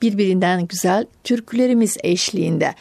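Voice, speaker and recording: A woman hosts a radio programme, addressing her listeners directly. Her voice sits at a medium pitch, and the studio sound is dry, without echo. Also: fairly quick, vocal fry, darkish tone. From Bulgaria. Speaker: radio host.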